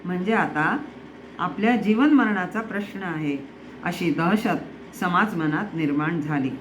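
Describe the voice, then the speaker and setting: A storyteller narrating a devotional epic in an expressive, explanatory way, pausing for rhetorical questions. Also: medium pitch. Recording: dull lo-fi recording with faint noise.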